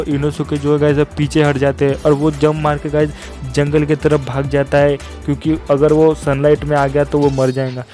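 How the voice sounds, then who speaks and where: Young male recap narrator, slightly high, monotone delivery, casual chat, faint background music. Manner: flat monotone, keeps saying "guys" and "yaar". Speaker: anime episode recap narrator.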